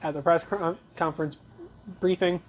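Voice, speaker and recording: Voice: medium pitch, fairly even intonation, moderate pace, low-quality recording. A talk show host giving blunt, conversational news commentary, reading reports aloud with opinionated asides.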